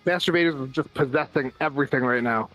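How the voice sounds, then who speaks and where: A man's voice: medium pitch, fairly bright tone, soft background music. An American man calling a floor hockey game play by play, running through passes and shots with dry asides. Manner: rapid running call of plays with dry asides. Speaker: play-by-play commentator. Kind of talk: amateur live sports commentary.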